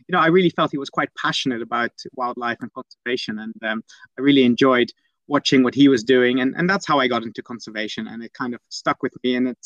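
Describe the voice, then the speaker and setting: A young Dutch guest who runs a conservation program talks quickly in a mid-range, slightly bright voice, telling stories in a casual interview. He's hesitant, with many ums and restarts, and the recording is dry and lo-fi.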